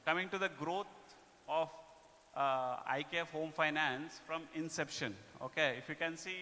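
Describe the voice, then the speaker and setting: A man with an Indian accent giving a corporate performance presentation to staff, speaking haltingly and often tagging his phrases with "okay". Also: on the high side, pushed and bright. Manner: halting delivery with repeated "okay" tags. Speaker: business presenter. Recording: echoey hall with long reverb.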